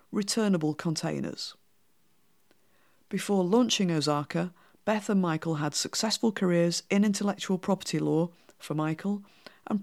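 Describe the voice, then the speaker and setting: A woman podcast host with a Yorkshire accent and flat vowels, reading a scripted introduction and interviewing. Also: lowish voice. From Yorkshire, England.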